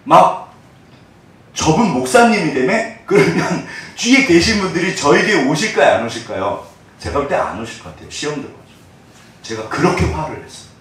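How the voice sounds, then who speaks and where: A man in his forties preaching a sermon, telling personal stories in an animated way that swings between loud and hushed. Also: on the high side, fairly quick, slight background noise. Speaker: pastor. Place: church sanctuary. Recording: echoey church hall, distant mic.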